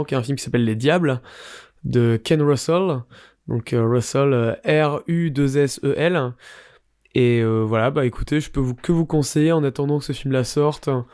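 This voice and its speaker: A man's voice: mid-range voice, a little mellow, clean tone, no echo, studio quality. A man co-hosting a podcast, casually recommending films in a rambling, hesitant way with many fillers. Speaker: podcast co-host.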